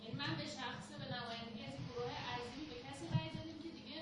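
A woman's voice: high voice, very noisy. A woman in the audience asking a question from the floor, earnest and hesitant. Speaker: audience member. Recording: very echoey hall, far from mic, loud crowd.

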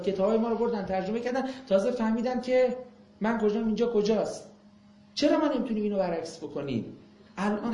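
Impassioned male lecturer, scornful rhetorical questions, boomy room with faint hiss. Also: warm tone. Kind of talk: public talk with Q&A. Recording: echoey room.

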